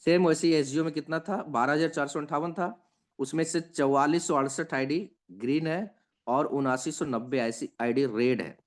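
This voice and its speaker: A man's voice: on the high side, steady tone, normal speed. A man, a trainer walking viewers through an app step by step in a screen-share lesson, checking in with them as he goes. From India. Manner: patient step-by-step explaining, often checking in with listeners.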